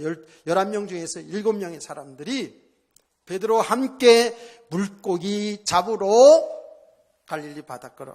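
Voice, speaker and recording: At a church service, a high-pitched male pastor preaches conversationally, posing rhetorical questions to the congregation and repeating phrases to drive his points home.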